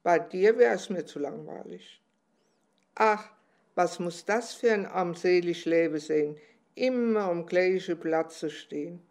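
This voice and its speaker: A woman voicing a plump, gruff bumblebee that boasts of its travels, in a slow storybook telling. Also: on the low side, a little mellow. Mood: proud.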